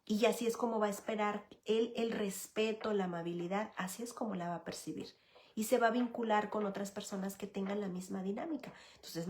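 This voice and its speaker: A woman psychologist, giving live parenting advice and speaking straight to parents, often checking in with a quick "ok?". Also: medium pitch, darkish tone. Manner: addresses parents directly, often tags "¿ok?"; earnest, explanatory, lists examples.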